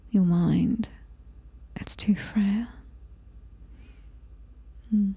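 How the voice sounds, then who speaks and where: In a whispered ASMR horror roleplay, a British woman plays a coldly superior, menacing alien-human hybrid, sounding breathy, deliberate and taunting. Her voice is medium-pitched and mellow, and heavily acted.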